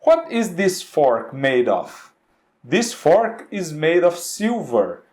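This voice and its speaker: A man teaching an English grammar lesson in Portuguese. He explains patiently, keeps checking in with short questions, and says English words slowly so they can be copied. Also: fairly high pitch, wildly swooping pitch, a little mellow. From Brazil.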